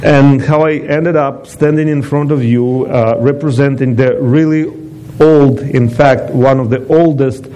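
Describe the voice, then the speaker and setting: Mellow-voiced man from Ukraine giving a testimony. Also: medium pitch, steady tone, unhurried, low-quality recording. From eastern Ukraine. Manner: non-native phrasing, chatty with asides to the audience. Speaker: guest speaker giving a testimony. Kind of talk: personal testimony talk.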